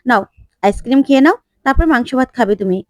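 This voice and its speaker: Casting: woman playing a protective middle-aged mother, firm and warm-hearted. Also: a little high, lively intonation, fast talker, dry recording, close to an everyday voice.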